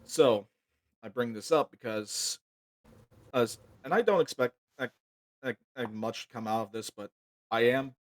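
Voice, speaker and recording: A man on a casual voice call who asks pointed questions in a halting way, often restarting and getting louder as he presses. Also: medium pitch.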